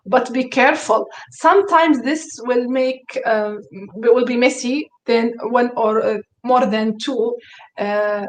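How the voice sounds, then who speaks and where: An enthusiastic woman, a native Arabic speaker, presents a screen-share tutorial for teachers. Her voice is fairly high, and she speaks hesitantly with lots of fillers and restarts.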